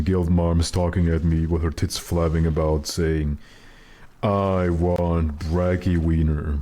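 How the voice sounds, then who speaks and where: Very deep-voiced man streaming a game. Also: warm tone. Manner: joking, mock-serious banter. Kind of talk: casual chat with stream viewers while gaming.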